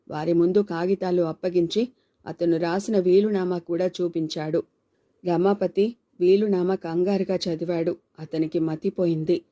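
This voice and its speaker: A woman narrating a novel as an audiobook in a steady, measured reading. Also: lowish voice. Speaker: storyteller.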